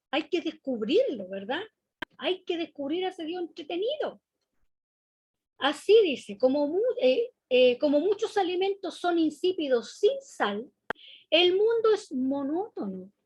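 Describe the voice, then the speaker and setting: A woman's voice: sits high, darkish tone, no echo. A woman with a Chilean accent preaching a sermon in a conversational way, often asking the congregation questions. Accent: Chilean Spanish.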